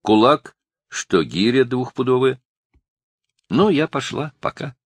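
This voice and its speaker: A man's voice: medium pitch, expressive, takes it slowly, slightly rough, no room sound, pitched above the performer's own voice. A man reading an audiobook and voicing a capricious, teasing young woman who is a circus acrobat.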